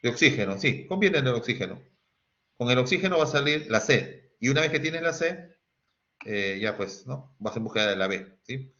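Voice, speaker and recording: Profesor peruano de tono medio, sonido apagado. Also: male voice, medium pitch, animated, moderate pace, a bit bright. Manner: quizzing students, asking "¿sí?" often, sings snatches. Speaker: teacher. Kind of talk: online chemistry class. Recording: dull lo-fi sound.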